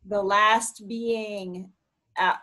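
A woman's voice: medium pitch, fairly even intonation, very slow, sharp tone. A woman hosting an online talk on a video call, reading poll questions aloud and encouraging people to try. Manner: friendly, encouraging, reads poll options aloud. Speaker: webinar host.

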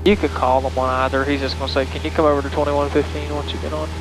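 A man's voice: on the high side, flat delivery, quick pace. A middle-aged man, a flight instructor, coaching casually over a pilot headset intercom. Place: small propeller plane cockpit in flight. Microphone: aviation headset boom mic. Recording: headset intercom with clear engine noise.

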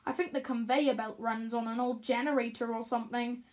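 Woman reading as a secretive boy, quiet lines, fairly high pitch. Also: fairly even intonation, brisk, lightly acted.

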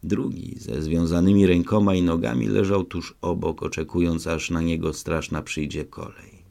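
A man narrates an adventure novel as an audiobook in the first person. His voice is very low and carries a gravelly fry. He reads in a measured, dramatic way. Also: steady tone, dark tone.

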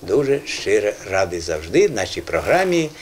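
A man's voice: lowish voice, big pitch swings, normal speed, a little hiss or hum. A man hosting an educational children's TV show about language, explaining words patiently and encouraging the children in the studio. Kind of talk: educational TV presenting.

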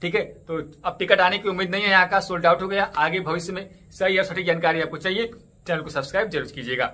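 A man in his thirties talks fast and chatty straight into a close webcam, his voice pitched high and bright. He walks through app steps one by one and keeps circling back to plug his channels. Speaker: cricket ticket update YouTuber. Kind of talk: casual tutorial vlog. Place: indoors in front of a green screen stadium backdrop.

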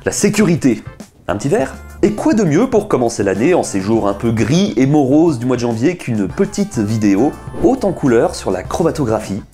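His mid-range, mellow voice swings widely in pitch at a normal pace, and faint music plays behind. A man in his thirties, he sits at a table in a small room hosting a science video, explaining and conducting a chemistry experiment with enthusiastic, chatty instruction.

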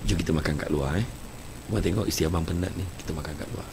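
A man acting out a gentle husband who soothes his tired wife. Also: very deep voice, a little fast, noisy background, pitched below the performer's own voice. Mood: soothing. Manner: soft, hushed.

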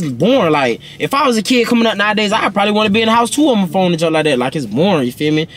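Animated young man telling a story. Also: fairly high pitch. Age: young adult. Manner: animated, rambling storytelling with slangy talk and repeated tag questions. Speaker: vlog host. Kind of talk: casual storytime vlog. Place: inside a parked car.

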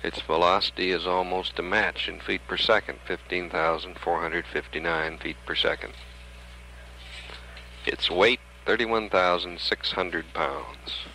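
An American man giving measured live spaceflight commentary as a mission control public affairs announcer. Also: deep voice, fairly even intonation, pushed and bright. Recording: faintly noisy 1960s archive broadcast.

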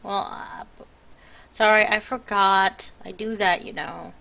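A woman's voice: medium pitch, fairly even intonation, unhurried, vocal fry, bright, forceful tone. A tired young woman live-streaming a game, chatting in a rambling, teasing way with her sister. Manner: rambling, teasing, self-interrupting. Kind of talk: casual live-stream chat.

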